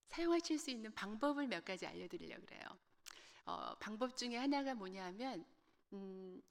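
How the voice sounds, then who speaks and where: A woman from Korea with a Gyeongsang accent giving a lively, humorous talk to a church group and speaking straight to her listeners. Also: on the high side, vocal fry. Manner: lively and humorous, addressing the audience directly. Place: church sanctuary. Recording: long reverb of a church hall.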